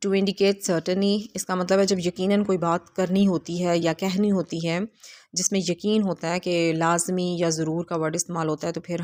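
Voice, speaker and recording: Flat-voiced woman teaching English slowly. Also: lowish voice. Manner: slow, careful reading of English lines, explained in Urdu; hesitant fillers while explaining. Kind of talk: video lesson explaining a textbook.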